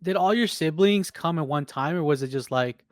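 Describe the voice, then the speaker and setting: A man's voice: on the high side, normal speed, dry recording, clean studio sound. A man from Peru, co-hosting a podcast, asking curious questions in casual chat. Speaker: podcast co-host.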